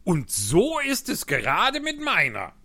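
A man's voice: high voice, huge pitch swings, slow pace, sharp tone, full character voice. A man playing a grumpy, fussy male Hatter in an audiobook reading, curt and scornful. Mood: grumbling.

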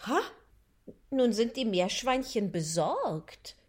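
Man voicing a young girl, storybook, prim, earnest, high, sing-song. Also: sing-song, slow pace, exaggerated voice. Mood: musing. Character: polite but bold young girl.

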